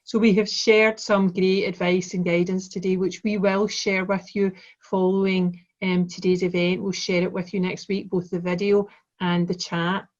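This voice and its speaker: Broad Glaswegian woman, very even pitch. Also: normal speed. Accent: broad Glaswegian Scottish. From Glasgow, Scotland. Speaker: conference chair giving opening remarks. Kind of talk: welcome address on a video conference. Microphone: video call microphone. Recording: dull lo-fi video-call audio.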